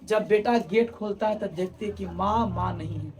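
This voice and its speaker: A woman teacher animatedly retells a story to her students, often repeating phrases and urging them to listen. Her voice is mid-range at a moderate pace, picked up by a distant mic.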